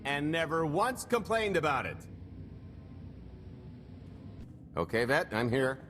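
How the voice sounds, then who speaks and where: A man's voice: a little high, big pitch swings, normal speed, a bit bright, a little hiss or hum. A man playing a cocky male smuggler with wry, sardonic banter in a video game cutscene. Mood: impatient.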